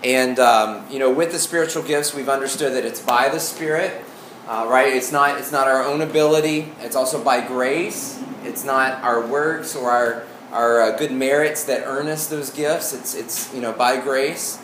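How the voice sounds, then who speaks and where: A male pastor with a Southern accent from Arkansas teaches in an informal, folksy way. His mid-range voice moves haltingly, doubling back on the openings of phrases. The room rings with echo, and a faint noise sits behind him. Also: medium pitch, a bit bright. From Arkansas, United States. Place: indoor room before a congregation.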